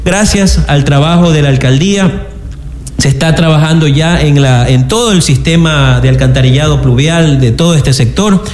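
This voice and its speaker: A man, a local politician and guest, answering interview questions in an earnest, measured way. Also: on the high side, a little mellow, faint music behind. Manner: earnest, measured, campaign talking points. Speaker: politician, party director, guest. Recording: echoey room.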